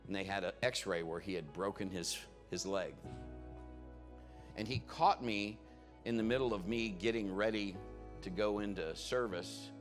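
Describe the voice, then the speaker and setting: Music plays in the background as a pastor with a lowish voice preaches at a measured pace. His sermon is built on stories, told in a relaxed, conversational way with lively, acted-out quotes.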